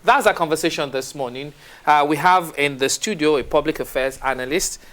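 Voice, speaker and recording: A Nigerian man hosts a morning studio discussion, his voice a touch higher than most men's. He asks questions in an animated way, often restarting mid-phrase. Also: fairly quick. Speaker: TV morning show host.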